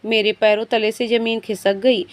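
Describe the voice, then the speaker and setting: Woman narrating a story in a high voice. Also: little pitch movement, normal speed. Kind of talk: scripted first-person story narration.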